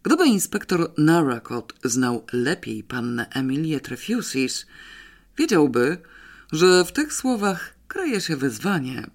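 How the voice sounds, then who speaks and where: Spokojny lektor audiobooka. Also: male voice, fairly high pitch, very animated, slow pace. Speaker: audiobook narrator. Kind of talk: scripted narration.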